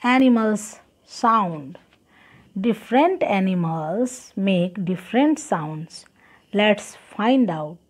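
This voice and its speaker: A young woman teaching children a slow lesson and spelling words out letter by letter. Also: medium pitch, animated.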